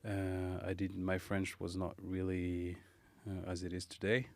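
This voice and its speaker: A man from Morocco, a pastry chef guest in a casual interview, speaking thoughtfully with many pauses and fillers. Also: sits low, flat delivery, a little mellow.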